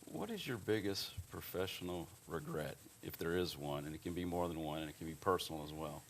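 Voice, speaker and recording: A man with a very low voice hosts a local TV interview show. He reads a polished introduction and asks questions in a calm, encouraging manner, adding frequent short acknowledgments. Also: a little fast, slight background noise.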